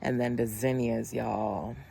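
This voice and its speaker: Garden vlogger, talks to viewers outdoors, excitable, gravelly, faint yard sounds behind. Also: mid-range voice, slow pace, a little hiss or hum. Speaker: gardening channel host. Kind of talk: casual gardening vlog.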